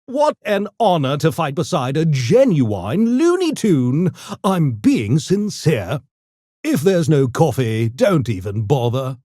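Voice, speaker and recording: A pint-sized gremlin intellectual for a video game. The voice swings dramatically up and down and takes its time over every fancy word. It is smug, pompous and mischievously menacing, recorded dry and close. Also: male voice, fairly high pitch, very animated, takes it slowly, warm tone, dry recording, heavily acted. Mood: dry, condescending. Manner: pompous, wordy, mock-genteel diction. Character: small, erudite, smug male gremlin genius with mischievous menace. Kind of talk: video game character voice lines.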